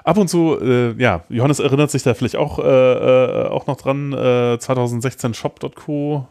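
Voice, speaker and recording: A man's voice: mid-range voice, normal speed, gravelly, darkish tone. A man co-hosting a casual tech podcast, talking in a rambling way with lots of fillers and restarts. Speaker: podcast co-host.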